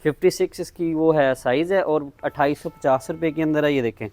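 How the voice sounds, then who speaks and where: A man presenting shop stock in an informal sales pitch, with repetitive patter about prices and items. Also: a little fast, darkish tone. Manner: repetitive selling patter, repeating prices and checking phrases. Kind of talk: informal sales pitch in a product showcase video.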